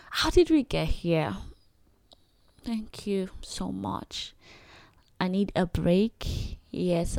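A woman's voice: lowish voice, clean tone, dry recording, studio quality. Chatty Nigerian woman podcast host. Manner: chatty, warm-hearted, rambling with fillers and laughs. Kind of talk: solo podcast chat.

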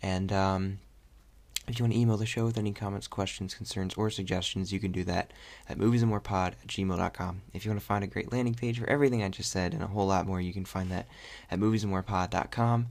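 A man's voice: deep voice, steady tone, quick pace, gravelly, darkish tone. A young man hosting a podcast in casual chat, rambling and hesitant with lots of fillers. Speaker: podcast host.

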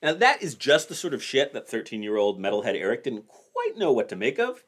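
A man's voice: medium pitch, very animated, fairly quick, a bit bright. A man in his forties hosting a podcast, telling a band's history in a wry, joking way. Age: 40s. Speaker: podcast host. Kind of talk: casual podcast chat.

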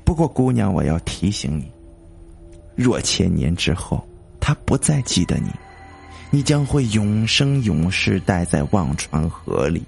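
A man voicing Meng Po, a weary old woman of the underworld who offers the soup of forgetting, in a hoarse, low and slow storybook voice. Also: sing-song, soft background music, heavily acted. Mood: resigned. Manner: slow, solemn, coaxing.

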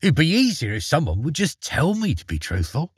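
A fearless, cheery young lad, voiced by a male storyteller with a husky edge and a dry, close sound. He speaks plainly and sounds unbothered by anything. His lines swing up and down with a lot of melody. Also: a little high, huge pitch swings, a little fast, no room sound, heavily acted. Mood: cheerful. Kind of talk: storybook character voice.

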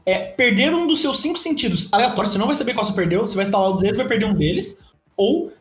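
A man with a Brazilian Portuguese accent hosts a loose podcast chat, putting dilemmas to his friends. His voice sits high for a man. The room is audibly echoey. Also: expressive, racing, soft background music. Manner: reads out would-you-rather choices, laughs easily. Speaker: podcast host. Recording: roomy echo.

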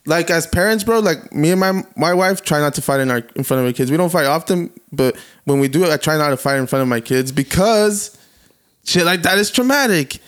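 A man co-hosting a podcast who talks in an emphatic, animated way and uses lots of slang. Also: fairly high pitch, fairly quick. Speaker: podcast co-host. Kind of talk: casual chat.

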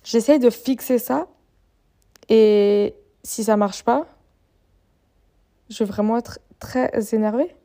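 A woman's voice: on the high side, takes it slowly, pauses often, dark tone. A young woman hosting her own podcast, chatting casually and mocking herself, fed up with a quiz website that keeps failing. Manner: chatty, self-mocking, exasperated. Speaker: podcast host. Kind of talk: casual chat.

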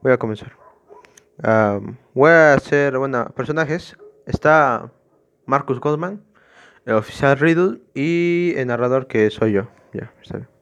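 A man telling his own horror story on his podcast. His narration is measured, with relaxed, halting asides in between. His voice sits at an ordinary pitch in a dry, close recording. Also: dry recording, dull audio.

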